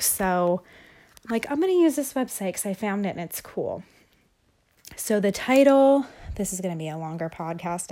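Young woman rambling on her podcast, kinda low voice, says um and like a lot, breathing heavy. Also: darkish tone. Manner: chatty, many fillers like "um" and "like". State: breathing heavily. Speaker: podcast host. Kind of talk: casual podcast monologue.

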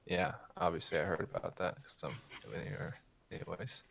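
A man's voice: low voice, steady tone, moderate pace, creaky, fairly bright tone, slightly rough, voice pushed down, heavily acted. A man voicing a simple-minded, friendly young man in a tabletop game, easygoing and chatty.

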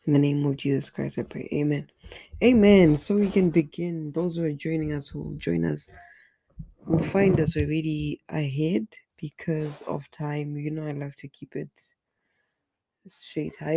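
Hoarse and raspy from the flu, a woman earnestly leads an online Bible study, sometimes repeating words while searching for the next one. Her voice sits low and sounds mellow.

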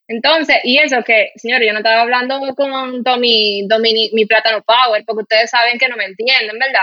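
In a muffled recording with no echo, a woman with a slightly high voice and a mild Dominican Spanish accent talks fairly quickly. She's from the Dominican Republic and hosts a casual podcast, relaying indignant, animated stories full of filler words.

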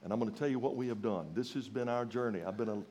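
A man from rural Louisiana with a Southern US accent, preaching a sermon in a folksy, emphatic way, putting questions to his listeners and moving between raised exclamations and hushed phrases. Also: medium pitch, fast. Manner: folksy, rhetorical questions to the congregation.

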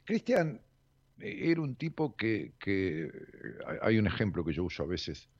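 A man with an Argentine accent leads a confrontational counseling session, blunt and emphatic, with swearing. His voice sits low and husky but swings widely in pitch. The recording is dull and lo-fi. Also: very animated, normal speed, a little mellow. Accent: Argentine Spanish. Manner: blunt, emphatic, swears, presses with repeated questions. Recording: dull lo-fi sound.

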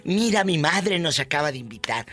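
A man's voice: on the high side, animated, normal speed, sharp tone. A man hosting a call-in show, flamboyant and teasing, laughing often. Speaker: radio show host.

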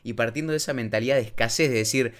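A man's voice: medium pitch, very fast. A man with an Argentine Rioplatense accent, co-hosting a casual podcast, talking in slang with casual swearing and math analogies. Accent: Argentine Rioplatense Spanish. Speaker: podcast co-host.

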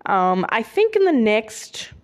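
Speaking slowly, this young podcast host of nineteen rambles casually on her own, correcting herself often and using many fillers. Her voice is fairly high and swings widely in pitch.

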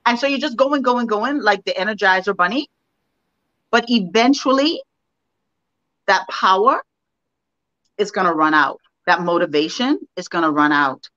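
A woman co-hosting a podcast, talking in a casual, animated way and asking her co-host for her thoughts. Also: medium pitch, normal speed, pauses often, no echo. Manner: animated, conversational, asks her co-host questions. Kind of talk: casual discussion. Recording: dull lo-fi sound.

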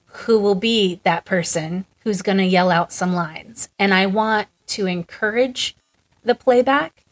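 A woman's voice: medium pitch, measured pace. A woman hosting a podcast in casual conversation, chatty and enthusiastic, often chiming in to agree.

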